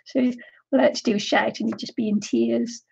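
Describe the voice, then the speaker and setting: On a muffled recording, a middle-aged craft vlogger with a fairly high, husky, darkish voice and vocal fry chats casually as she crafts on a live stream. A cold makes her slightly nasal, and she rambles and giggles frequently.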